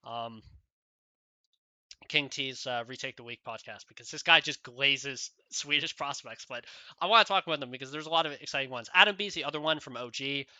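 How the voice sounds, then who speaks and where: A man's voice: medium pitch, fairly quick, sharp tone, no room sound. A man giving rambling solo esports commentary, casual, with many fillers and "right?" tags.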